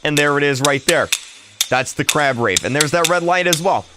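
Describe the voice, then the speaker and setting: A young adult man with a slightly high voice and lively intonation talks at normal speed, hosting a gaming video with casual, chatty tutorial commentary. He sounds upbeat and sits close to a desk microphone on a boom arm, though the recording is very noisy.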